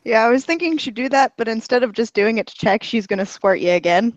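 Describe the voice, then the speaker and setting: A woman's voice: a little high, lively intonation, fast talker, muffled recording, background noise. A woman playing a tabletop game, unsure and often laughing. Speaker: player.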